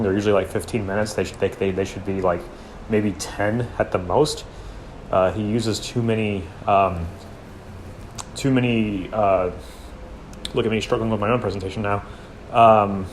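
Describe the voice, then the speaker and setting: A man hosting a commentary channel, giving a blunt, casual spoken critique full of fillers and trailing pauses. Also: lowish voice, slight background noise. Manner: loose and conversational, many fillers and trailing off; blunt, occasional swearing.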